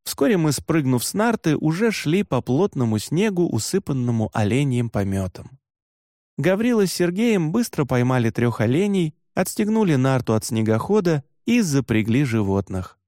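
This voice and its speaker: A man reading a children's audiobook in first person, with an expressive, lively delivery. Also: a little high, normal speed, no room sound, clean studio sound. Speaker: audiobook narrator.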